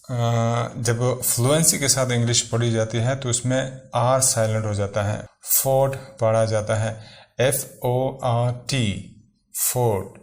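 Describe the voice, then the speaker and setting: Man, English teacher, vocabulary lesson, slow repetition, mid pitch. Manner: slow, repeats each English word then gives its meaning.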